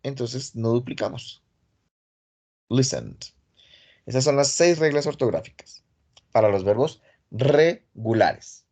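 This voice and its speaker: A man walks his online class through English grammar rules. He talks in a patient, casual way, one step at a time. His voice sits in an ordinary middle pitch, heard through a computer mic. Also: sing-song, slow pace, long pauses, darkish tone. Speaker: English teacher. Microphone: computer mic on a video call.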